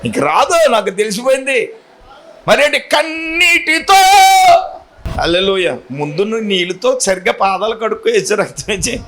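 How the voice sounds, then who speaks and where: A pastor preaching a sermon in church, animated and teasing, calling on the congregation to answer aloud. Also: male voice, sits high, a little fast, a little hiss or hum.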